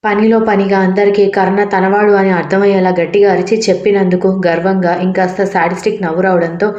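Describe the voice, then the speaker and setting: A woman reading a romance story aloud in a steady, even storyteller's manner. The sound is a little muffled. A roomy echo hangs around her voice. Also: medium pitch, fairly quick.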